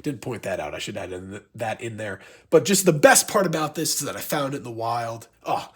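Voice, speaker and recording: Congested, husky man rambling enthusiastically. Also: mid-range voice, expressive, a little fast. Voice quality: congested, stuffy-nosed. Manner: rambling, gushing fan enthusiasm. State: sick with a blocked nose. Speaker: YouTube toy collector and reviewer. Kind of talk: casual unboxing review.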